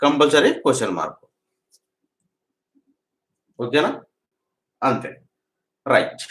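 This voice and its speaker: A man with a Telugu accent teaching an English grammar lesson. He drills example sentences, repeats each one and urges his students to practise quickly. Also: mid-range voice, big pitch swings, a bit bright, reverberant.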